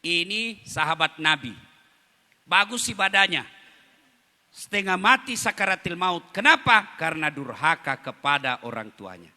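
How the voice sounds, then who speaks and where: Bright, dramatic male preacher. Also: on the high side, unhurried, big-room sound. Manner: dramatic, animated, addresses the audience directly. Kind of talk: storytelling sermon. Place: condolence gathering.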